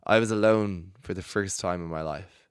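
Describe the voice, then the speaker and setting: A man, a podcast host, reading a personal story aloud in a studio, expressive and breaking into laughter now and then. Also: deep voice, moderate pace, clear, resonant tone, dry recording. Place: recording studio.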